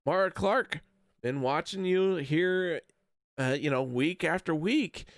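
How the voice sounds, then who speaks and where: A man's voice: a little high, slow, dry recording, clean studio sound. A man with a standard American accent, interviewing racers in a casual, jokey, informal way. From United States. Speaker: race broadcast interviewer. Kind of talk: casual post-race interview.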